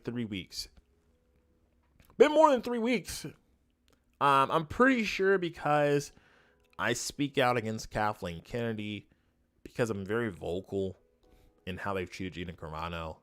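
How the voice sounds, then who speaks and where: A YouTube host and streamer gives casual, opinionated livestream commentary in a fairly low, somewhat bright voice. He speaks emphatically and keeps repeating phrases for weight.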